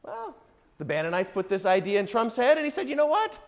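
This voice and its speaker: A man's voice: sits high, big pitch swings, fairly quick. A male political science lecturer giving a public talk in a conversational, sarcastic way, often checking in with the audience. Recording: echoey hall with long reverb.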